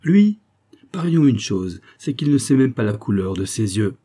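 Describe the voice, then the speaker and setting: A man's voice: mid-range voice, steady tone, moderate pace, mellow, voice pushed up, lightly acted. A man voicing a stout, mocking middle-aged male interpreter in a storybook reading, scornful and jovial.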